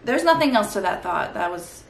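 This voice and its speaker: A woman's voice: mid-range voice, very animated, a little fast, vocal fry. Sardonic woman in a roomy, echoey space. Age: 30s. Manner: sardonic, sweary, rambling. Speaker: host reacting to old toy commercials. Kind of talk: casual comedic commentary. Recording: roomy echo, faint background noise.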